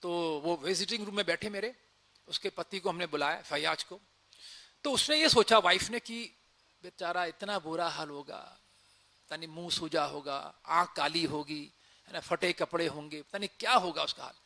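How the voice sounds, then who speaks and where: A man's voice: on the high side, normal speed, gravelly. A former army officer telling a story from his service, acting out the dialogue as he goes. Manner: acts out dialogue in lively retelling. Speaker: army officer sharing experience. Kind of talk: storytelling talk.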